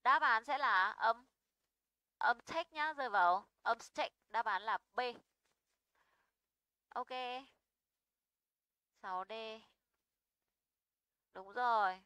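Bright, crisp young woman teacher. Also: on the high side, slow pace, pauses often, dry recording, low-quality recording. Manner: patient, checks in with students often. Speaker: English teacher. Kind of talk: online English pronunciation lesson.

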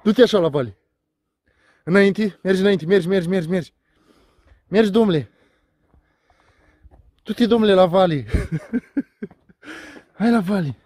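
A man in an amateur comedy sketch, loudly bossing someone around and often bursting into laughter, outdoors in a rural yard. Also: sits high, long pauses. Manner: loud, bossy, laughing.

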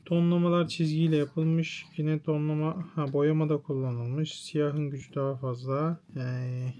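A man's voice: medium pitch, mellow, slight background noise. A man, a manga artist, thinks aloud while browsing pages, musing in short, clipped verdicts.

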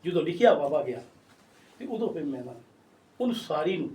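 A man's voice: fairly high pitch, very animated, brisk, mellow, far from the mic. A man in his sixties, a poet, telling stories in a casual interview and acting out the voices of people he quotes. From Punjab, India. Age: 60s. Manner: storytelling, acts out quoted voices.

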